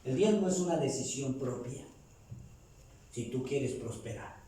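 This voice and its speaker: A man's voice: medium pitch, animated, measured pace, mellow. A man preaching a sermon as pastor, asking his congregation questions and drawing amens in a church. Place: church hall. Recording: echoey room, mic far off.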